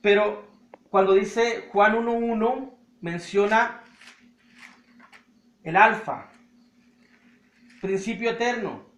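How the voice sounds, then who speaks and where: A Mexican man teaching a Bible study, emphatic and slowing down to stress key words. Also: high voice, fairly bright tone, far from the mic. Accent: Mexican Spanish. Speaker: preacher. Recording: roomy echo, voice from off-mic.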